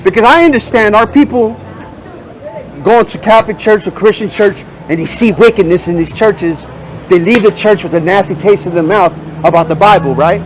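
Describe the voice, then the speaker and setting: A man's voice: high voice, moderate pace, slight background noise. A man interviewing a stranger on the street in casual talk, pressing with questions and dropping in Spanish phrases.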